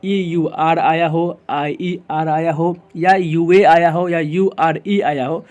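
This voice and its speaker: A man's voice: a little high, steady tone, slow pace, a little mellow. A man with an Indian English accent teaching a pronunciation lesson, asking the class questions and answering them himself, repeating each rule. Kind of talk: explaining lesson in Hindi.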